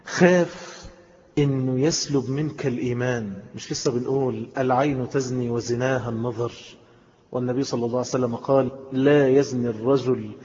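A man's voice: flat delivery, mellow. A man with an Egyptian Arabic accent giving a sermon, stretching phrases out and rising suddenly for emphasis. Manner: emphatic, drawn-out phrases with sudden swells in pitch. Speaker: preacher. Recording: dull lo-fi sound with long hall reverb.

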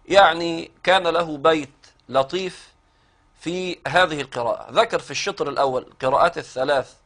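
A man with an Egyptian Arabic accent and a somewhat high, fairly bright voice gives a classroom explanation in a recitation class. He goes through the rules step by step, drawing out the verse lines as he chants them. Now and then he pauses to quiz a student.

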